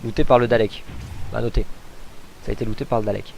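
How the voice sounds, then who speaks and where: A man's voice: lowish voice, fairly even intonation, fast talker, vocal fry, a little mellow, a little hiss or hum, poor audio. A man casually commenting on gameplay as he demonstrates a game mod, chatty and hesitant, thinking aloud with fillers. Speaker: gamer showcasing a mod.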